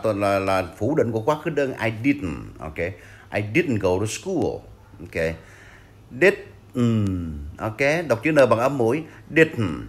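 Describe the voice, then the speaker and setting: A man with a Vietnamese accent teaching English pronunciation, slowly drilling words and repeating them for learners to copy. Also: on the low side.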